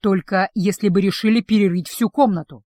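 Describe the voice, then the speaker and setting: A woman's voice: mid-range voice, steady tone, fairly quick, mellow, dry recording, clean studio sound, close to an everyday voice. A woman voicing a clever male adventurer who speaks plainly and matter-of-factly.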